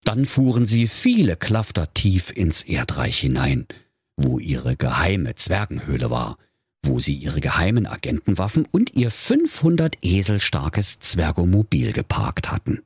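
A man's voice: low voice, very animated, measured pace, breathy edge, no echo, studio quality. A man narrating a comic fairy tale for children in a playful, mock-dramatic way, addressing the kids directly. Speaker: storyteller.

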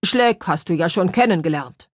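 A woman voicing a loud, booming old male ghost admiral in an audiobook story. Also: lively intonation, moderate pace, dry recording, clean studio sound.

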